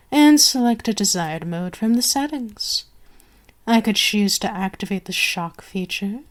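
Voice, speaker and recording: Her fairly high-pitched voice carries an imperious, sadistic vampire queen in an ASMR roleplay. Formal and commanding, she savors every phrase with seductive possessiveness.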